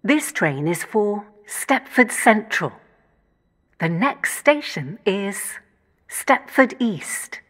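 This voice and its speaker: A woman's recorded train announcements, with words spliced together from separate recordings so the pitch and pace jump between phrases. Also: sing-song, drawn-out words, a bit bright, husky. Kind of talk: automated onboard announcements.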